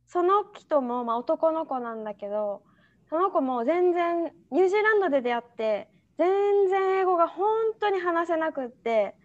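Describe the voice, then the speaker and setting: A woman's voice: very high-pitched, expressive, normal speed. A young woman co-hosting a podcast in casual chat, telling stories animatedly and laughing often. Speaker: podcast co-host. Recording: dull lo-fi sound.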